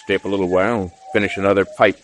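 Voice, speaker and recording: A man's voice: sits low, level tone, rapid-fire, natural voice. An actor playing a homely, hospitable backwoods man in a 1930s radio drama. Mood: relaxed, homely. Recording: vintage 1930s radio recording.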